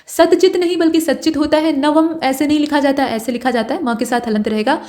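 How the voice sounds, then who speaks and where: A woman's voice: sits high, fairly quick, darkish tone. A woman teaching an exam-prep lesson, going through wrong and right spellings one by one in a patient, explaining manner. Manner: explains step by step, correcting each wrong form.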